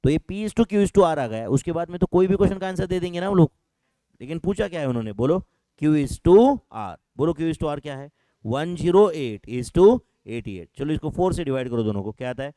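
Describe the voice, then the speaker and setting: Guy teaching maths, keeps quizzing the class, kinda high voice, mellow dry sound. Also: expressive, no room sound, rough recording. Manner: drills students with constant rhetorical questions; slows right down to dictate English terms.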